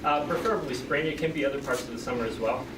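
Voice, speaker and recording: A young Finnish student, out of breath, makes an upbeat announcement to his class with plenty of fillers. He talks fast at a medium pitch, heard from far off in a roomy classroom with loud background noise.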